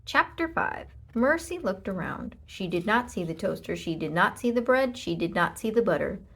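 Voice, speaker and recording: A woman reads a children's storybook aloud, expressive and deliberate, stressing short sentences. Her voice is medium in pitch, slightly rough, with vocal fry.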